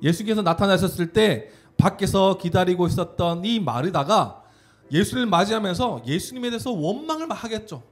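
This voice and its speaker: A man giving an animated children's sermon, telling a story and having the kids repeat words after him. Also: high-pitched, a little fast, faint music behind. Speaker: children's pastor.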